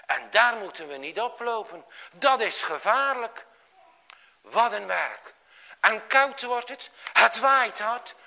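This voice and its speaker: Expressive, high-voiced male storyteller. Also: slow pace, vocal fry. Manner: dramatic, expressive reading. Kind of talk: storytelling narration.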